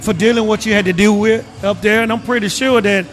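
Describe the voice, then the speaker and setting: A middle-aged man from Mississippi with a Southern accent, speaking as a guest in a casual interview with emphatic, drawn-out stresses. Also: high voice, fairly even intonation, a bit bright. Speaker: guest, retired government agent.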